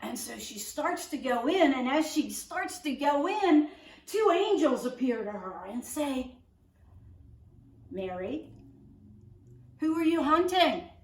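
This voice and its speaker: A woman pastor telling a children's Bible story in a gentle, unhurried way, recorded in a church with the mic far off. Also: high-pitched, very animated. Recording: echoey room, mic far off.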